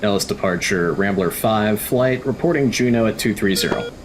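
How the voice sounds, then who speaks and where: Male gamer as flight lead, lowish voice, pilot jargon, noticeable noise and clicks behind him. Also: lively intonation, moderate pace. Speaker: flight lead in a flight sim game. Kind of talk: radio calls during gameplay. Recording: clear background noise with clicks.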